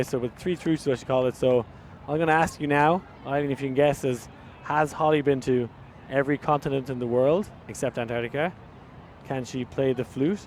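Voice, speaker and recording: Irish guy doing live sports commentary, chatty with lots of ums, gets louder on big plays, faint outdoor noise. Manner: rises in pitch and volume on big plays, chatty with fillers.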